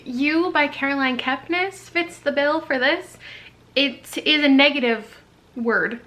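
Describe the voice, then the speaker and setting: A woman book vlogger chatting casually about words and books, wry and quick to laugh at herself. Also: high-pitched, sharp tone. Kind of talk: casual vlog chat.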